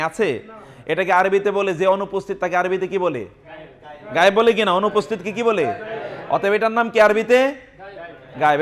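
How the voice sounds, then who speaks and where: A man teaching Arabic grammar to a class, with a Bangladeshi Bengali accent, quizzing his students and drilling words aloud with them. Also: sits high.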